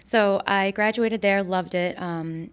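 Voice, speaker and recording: A woman's voice: mid-range voice, fairly even intonation, takes it slowly, clean tone. A woman in her twenties, a podcast guest who talks reflectively, with frequent fillers and restarts. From New Hampshire, USA. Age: 20s. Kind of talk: casual interview chat.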